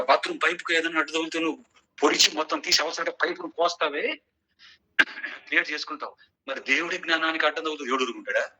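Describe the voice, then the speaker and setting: Bright-voiced man preaching emphatically. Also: fairly high pitch, poor audio. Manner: emphatic, rhetorical questions to listeners. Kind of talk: sermon in an online class.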